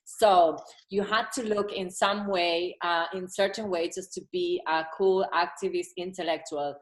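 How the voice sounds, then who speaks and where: Low-voiced woman from Argentina. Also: fairly even intonation, measured pace, low-quality recording. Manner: hesitant, searching for words, with many restarts. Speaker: graphic designer and publisher. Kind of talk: casual online talk. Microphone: video call.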